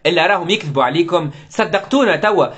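A man's voice: high-pitched, animated, very fast, a bit bright. A man with a Tunisian Arabic accent giving an impassioned live political commentary, firing off rhetorical questions and mixing in French words.

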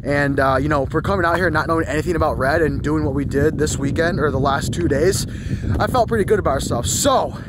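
A young man with a slightly high voice hosts a casual outdoor vlog. He talks into an action camera in a chatty, excitable way. A faint hiss of background noise sits under him. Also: fast. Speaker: host. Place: ice fishing shelter and open frozen lake, later a home kitchen. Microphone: handheld or body-worn action camera.

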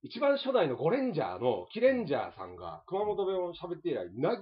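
A man's voice: a little high, huge pitch swings, fast talker. A man from Osaka, a guest actor in a casual interview, joking and self-deprecating. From Osaka, Japan. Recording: lo-fi stream audio with a crowd behind.

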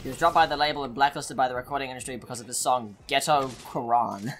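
A man's voice: medium pitch, steady tone, quick pace. A man co-hosting a let's play who reads facts aloud in a casual way and often laughs and swears. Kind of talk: casual gaming commentary. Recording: voice over loud game music.

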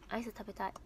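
Brief: young woman, high bright voice, giggly casual livestream chatter. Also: a little hiss or hum. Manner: giggly, chatty, reacts to comments. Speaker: idol livestream host. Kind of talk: casual livestream chat reading comments.

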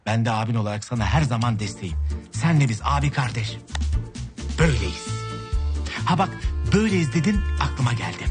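A man's voice: medium pitch, expressive, a little fast, gravelly, long pauses, soft background music. An actor playing a scheming, lazy man who wheedles his wife and brother with melodramatic complaints. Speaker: actor in a TV comedy series.

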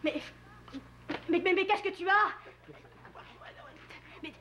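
A woman's voice: extremely high pitch, fairly even intonation, takes it slowly, lo-fi sound, a little hiss or hum. A woman voicing a fussy, dramatic woman theatre director who talks in an exasperated, theatrical way, in 1960s children's TV puppet acting.

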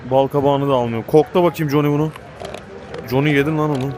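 Man, gaming commentary, panicky, swearing, somewhat high voice, game music behind. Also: steady tone, fast talker. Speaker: gaming YouTuber. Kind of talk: excited gameplay commentary.

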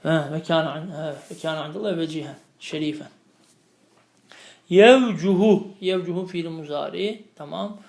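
Male teacher going over grammar, repeats terms, asks the class stuff, kinda high voice, echoey room. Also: a little slow, gravelly, a little mellow. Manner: explains by repeating terms and asking students questions. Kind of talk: lecturing on classical Arabic grammar.

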